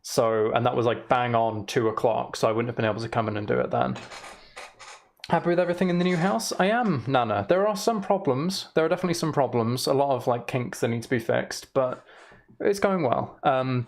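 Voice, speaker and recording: A young man chats casually and in a rambling way as he livestreams, his creaky voice echoing around an emptied room. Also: medium pitch, fairly quick. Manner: rambling, chatty. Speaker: streamer. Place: emptied room in a house, indoors. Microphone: microphone attached to a shelf.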